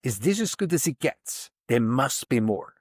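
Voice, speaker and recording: Studio-quality audio with no room sound captures a man in his fifties guesting on a podcast. Medium-pitched and very animated at a moderate pace, he speaks reflectively and emphatically, often framing his inner thoughts as quotes.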